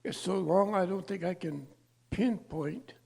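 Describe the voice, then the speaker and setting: Older veteran, gravelly voice, halting delivery, a man from California. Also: sits high, darkish tone. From California, USA. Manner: halting, searching for words. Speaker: veteran interviewee. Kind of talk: personal interview.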